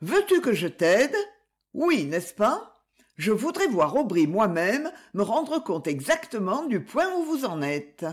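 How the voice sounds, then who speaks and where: A woman's voice: medium pitch, sing-song, a little slow. A reader voicing a pleading, insistent aristocratic mother in an audiobook. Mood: persuasive. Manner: imploring, tenderly persuasive.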